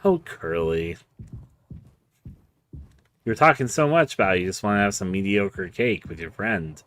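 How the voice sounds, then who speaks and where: A man streaming a horror game, giving live commentary and reading game text aloud in a drawn-out, playful, theatrical way. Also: deep voice, expressive, a bit bright, slight background noise. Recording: music behind the voice. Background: game music.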